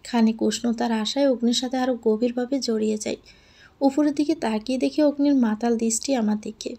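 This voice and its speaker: Woman storyteller, first-person audio love story, mellow tone, fairly high voice. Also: steady tone, brisk.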